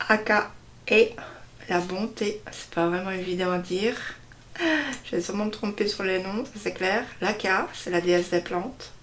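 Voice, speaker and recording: A woman slowly presenting a deck of cards one by one, hesitating often and stressing each card name. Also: medium pitch, steady tone, slight background noise. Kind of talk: casual card unboxing walkthrough.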